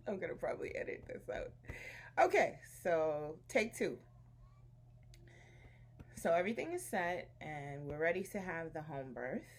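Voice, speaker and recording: Woman vlogger at home, low-pitched, chatty with lots of restarts, bouncing a baby as she talks. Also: expressive, measured pace, long pauses. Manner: chatty and rambling, with frequent restarts. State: bouncing a baby while talking. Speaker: vlogger sharing her birth story. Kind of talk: casual chat to camera.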